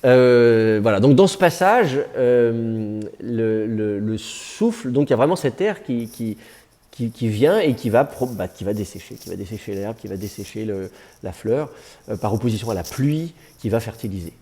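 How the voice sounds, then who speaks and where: A man's voice: fairly low pitch, lively intonation, moderate pace, dark tone. A man teaching biblical Hebrew to a class, with a conversational, digressive manner and joking asides. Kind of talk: classroom lecture.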